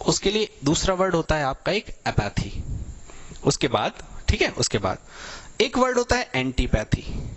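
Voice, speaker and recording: A young man gives a vocabulary lecture in a chatty, explanatory way. He walks students through meanings with homely examples and keeps checking in after every point. His voice sits a bit higher than most men's. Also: sing-song, a little slow, a bit bright. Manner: explanatory, repeats "thik hai" constantly, tells everyday examples. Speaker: teacher.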